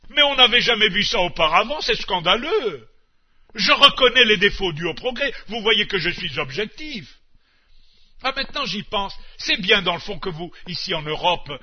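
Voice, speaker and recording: A man's voice: high voice, husky. A man performing a comic stage monologue in a pompous, mock-lecturing manner. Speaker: comedian. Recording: muffled old radio recording.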